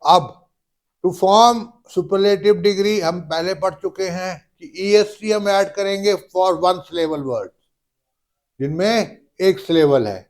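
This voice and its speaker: Slow, high-voiced grammar teacher. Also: male voice. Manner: slow, drawn-out word-by-word dictation, addresses students as beta. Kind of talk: classroom grammar lesson.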